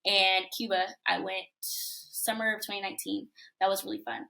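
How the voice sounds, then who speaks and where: A woman's voice: mid-range voice, little pitch movement, normal speed, vocal fry, bright, forceful tone. A young woman in her twenties, a college student guest, chatting in a casual interview over a video call, upbeat and full of fillers. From United States. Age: 20s.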